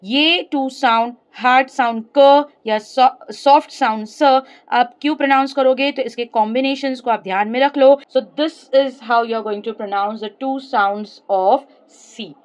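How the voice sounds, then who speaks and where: Slow, patient Indian woman teaching. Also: fairly high pitch, clean tone, highs cut off. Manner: asks and answers her own questions. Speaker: English teacher. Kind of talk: classroom-style explanation mixing Hindi and English.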